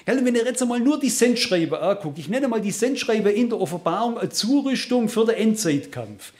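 A man's voice: high voice, expressive, fairly quick, darkish tone. A man preaching a sermon, earnest and emphatic, speaking straight to his congregation. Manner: earnest, emphatic, addresses listeners directly.

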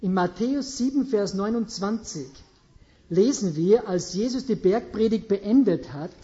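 A woman's voice: medium pitch, expressive, unhurried, warm tone, muffled recording. A woman preaching a sermon, questioning her audience and stressing her points emphatically.

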